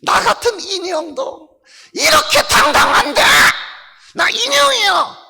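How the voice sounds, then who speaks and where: Guy doing a shrill, swooping sassy lady puppet, yelling, big church hall reverb. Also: very animated, a little slow, vocal fry, full character voice. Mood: proud. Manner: brassy, teasing, shouting at the crowd. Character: bold, sassy middle-aged lady puppet. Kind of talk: ventriloquist act. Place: church sanctuary.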